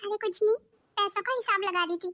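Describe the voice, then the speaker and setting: A woman's voice: very high voice, quick pace, a bit bright. A woman voicing a thrifty elder daughter-in-law in a cartoon, speaking in a sensible, matter-of-fact way. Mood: calm.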